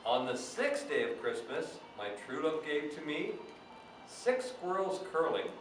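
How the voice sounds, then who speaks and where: Echoey, jolly Santa Claus played by a man. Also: on the high side. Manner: jolly, folksy, ho-ho-ho laughing. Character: jolly, kindly Santa Claus reading storybooks to children. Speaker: storytime host. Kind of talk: read-aloud storytelling with chatty asides. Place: echoey indoor room, away from the mic. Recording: very echoey room, distant mic, faint noise.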